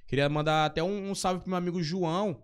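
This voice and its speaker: A man's voice: sits high, steady tone, fairly quick, clean tone. A man from São Luís, talking in a casual, slangy podcast chat and swearing freely. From São Luís, Brazil.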